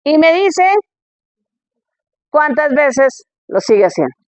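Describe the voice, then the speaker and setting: High-voiced woman preaching. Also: big pitch swings, slow, no echo. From Colombia. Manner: reads Bible verses, checks in with "¿ok?".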